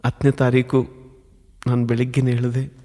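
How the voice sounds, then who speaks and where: A man's voice: medium pitch, completely flat delivery, moderate pace, warm tone. A man preaching, telling his personal testimony in an earnest, emotionally building storytelling manner. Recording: long hall reverb.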